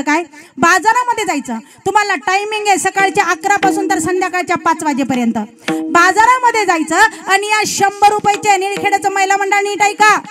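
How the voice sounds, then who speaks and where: A woman kirtan preacher with a Marathi accent, delivering a devotional sermon full of storytelling, who repeats phrases for emphasis and speaks straight to her listeners. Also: very high-pitched. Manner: animated storytelling, addressing the audience directly, repeating phrases for emphasis.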